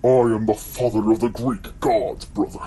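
A man's voice: lowish voice, flat delivery, normal speed, dark tone, lightly acted. A man voicing a tyrannical father of the gods, haughty and grandiose, in a homemade fantasy story. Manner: grandiose, declamatory. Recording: noisy homemade recording.

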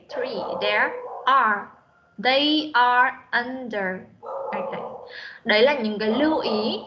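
A woman teaching an online English class, drilling pronunciation and repeating words slowly in a stern way. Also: a little high. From Vietnam. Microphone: video call. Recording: muffled online meeting audio.

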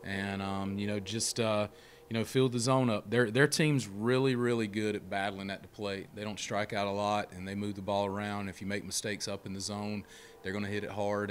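Middle-aged coach, low flat voice, steady plain postgame talk w/ lots of ums, handheld mic. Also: male voice, a little hiss or hum. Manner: plain, steady, many fillers. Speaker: head baseball coach. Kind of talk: postgame press conference. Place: press room before a sponsor backdrop. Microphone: handheld mic held close.

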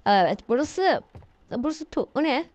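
Young woman, high voice, jumpy horror gaming chatter, startled yelps. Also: expressive, moderate pace, darkish tone, dry recording, dull audio. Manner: jumpy, shrieking exclamations when scared. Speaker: gamer. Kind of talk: horror game commentary.

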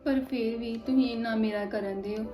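A woman playing a meek young woman taken in by a family, speaking in a soft, humble, self-effacing way. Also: fairly high pitch, steady tone, fairly quick, natural voice. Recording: echoey, slightly dull, faint music.

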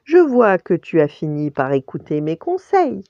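A woman's voice: fairly low pitch, wildly swooping pitch, unhurried, dark tone, no room sound, dull audio, heavily acted. A woman voicing a mother rabbit who scolds her son but stays fond of him.

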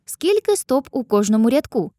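A woman narrating a scripted lesson, speaking clearly to the viewer and chanting rhymes slowly. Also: high-pitched, big pitch swings, dark tone, no echo, studio quality. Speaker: teacher.

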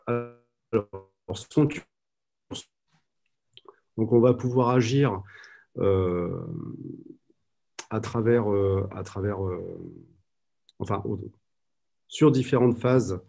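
A man's voice: lowish voice, takes it slowly, gravelly, pauses often, mellow. A man giving an online conference talk over a video call, hesitant and full of fillers. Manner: hesitant, many "euh" fillers. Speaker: guide dog trainer presenting at a conference.

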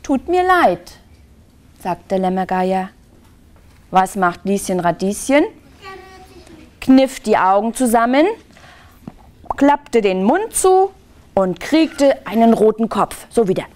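Slow, expressive storyteller woman. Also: medium pitch. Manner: expressive, involves listeners. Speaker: storyteller reading to children. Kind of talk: children's book reading. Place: library reading.

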